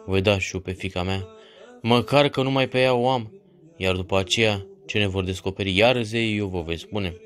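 A man's voice: on the low side, a bit bright, lightly acted. A man voicing a grave, resigned pagan king in a read-aloud saint's legend.

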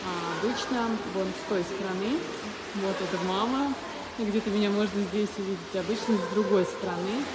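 A woman filming her family at a large indoor swimming pool and narrating in a chatty, excitable way on a handheld phone. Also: medium pitch, a little fast. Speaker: mother filming a family vlog. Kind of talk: casual vlog narration. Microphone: handheld phone camera. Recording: echoey pool hall with loud noise.

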